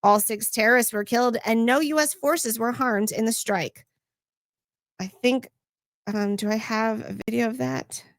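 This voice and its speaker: A woman's voice: fairly high pitch, unhurried, dry recording. Dry-voiced woman host reading news. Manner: reads news aloud with sarcastic asides. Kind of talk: livestream news commentary.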